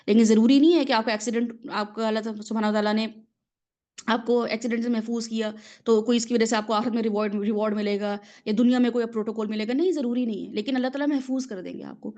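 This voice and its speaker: Warm higher-voiced woman teaching. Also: steady tone. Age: adult mother of children. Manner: explains patiently with everyday examples, often checks "okay?". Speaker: religious teacher. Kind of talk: conversational religious lesson.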